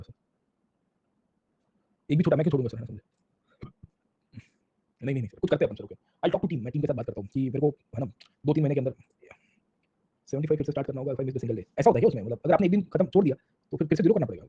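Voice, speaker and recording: A man's voice: medium pitch, warm tone, slightly rough. A man teaching a casual online history lecture in speech, constantly checking in with "sir, samjhe?". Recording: dull lo-fi sound.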